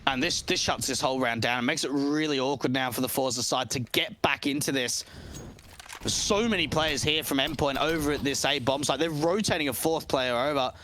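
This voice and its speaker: A man giving color commentary on a live esports match, conversational and animated, breaking off and restarting thoughts. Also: medium pitch, brisk, a little hiss or hum. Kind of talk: analytical commentary.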